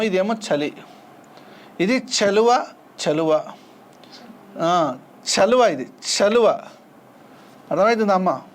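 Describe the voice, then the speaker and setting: A man walks students through a textbook lesson. He says every word twice and explains it slowly and patiently. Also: sits high, a little hiss or hum. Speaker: teacher.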